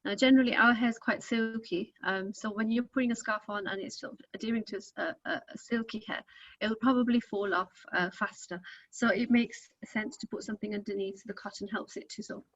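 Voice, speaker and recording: A woman's voice: mid-range voice, steady tone, fairly quick, fairly bright tone, no room sound. A woman with a Northern English accent leading a live online hijab styling class, chatty and reassuring with many ums. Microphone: video call. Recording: dull lo-fi video call audio.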